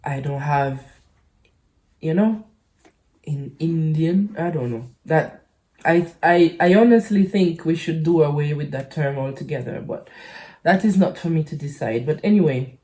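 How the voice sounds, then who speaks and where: A woman from a French Caribbean island hosts a YouTube channel, chatting casually in a personal vlog. Her voice is low-pitched and dark, and she speaks unhurriedly. Her delivery is hesitant and rambling, halting with frequent pauses and repeats.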